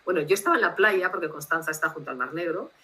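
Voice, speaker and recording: A woman translator, telling anecdotes in a lively way and acting out dialogue over a video call. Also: low-pitched, fast talker, poor audio. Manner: lively anecdotal storyteller who acts out dialogue. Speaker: literary translator, guest. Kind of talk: casual storytelling interview.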